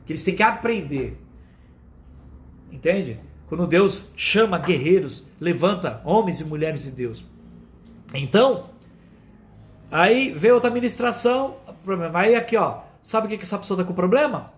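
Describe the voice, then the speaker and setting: A man's voice: high voice, animated, normal speed. A Brazilian man preaching as a pastor, emphatic and repetitive, often calling his listeners "beloved". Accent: Brazilian Portuguese. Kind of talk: sermon.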